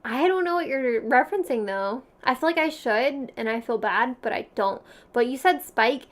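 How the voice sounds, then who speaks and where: High-pitched young woman, Valley Girl accent. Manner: frequent "like" filler, slangy; giggly, laughs often between phrases. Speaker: livestream host chatting with viewers. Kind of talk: casual livestream chat.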